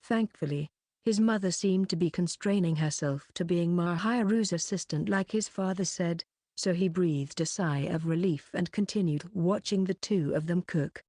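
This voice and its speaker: Woman narrator, low voice, dry close sound, even unhurried reading, light novel. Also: no echo. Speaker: audiobook reader.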